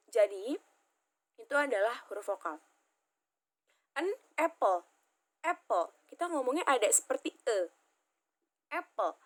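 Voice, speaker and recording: A woman's voice: on the high side, a bit bright. A young woman with an Indonesian accent, teaching an English grammar lesson. She repeats and spells out the example words as she goes.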